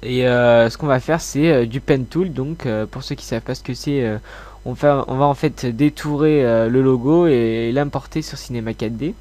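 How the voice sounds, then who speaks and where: Man, stuffy nose, slight cold, medium pitch, hesitant casual tutorial talk. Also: moderate pace, darkish tone. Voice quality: congested, blocked-nose sound. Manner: informal, hesitant, mildly sweary. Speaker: tutorial host.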